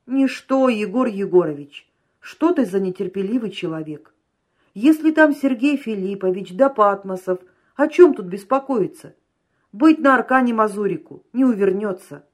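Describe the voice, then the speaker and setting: A woman's voice: mid-range voice, lively intonation, moderate pace, lightly acted. A woman reading an audiobook, voicing an easygoing male friend who coaxes and reassures. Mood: soothing. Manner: coaxing, reassuring.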